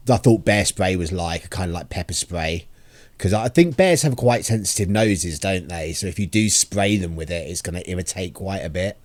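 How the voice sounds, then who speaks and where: A man with a very low voice, recorded dry and close, reacts casually to a video. He chats along with jokey, self-deprecating asides. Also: moderate pace, no echo. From United Kingdom.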